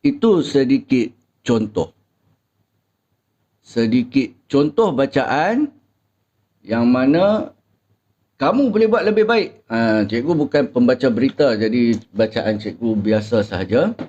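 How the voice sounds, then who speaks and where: A young man with a Malaysian Malay accent, teaching pupils a reading lesson slowly and deliberately, with frequent filler sounds. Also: mid-range voice, lively intonation, darkish tone, highs cut off.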